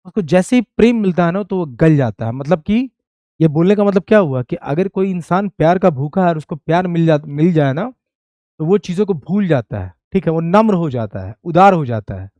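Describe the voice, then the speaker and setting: Guy teaching a folk story, reads old dialect lines then explains, highish voice. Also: animated, fairly quick, mellow, dry recording, lo-fi sound. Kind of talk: explaining a folk tale line by line.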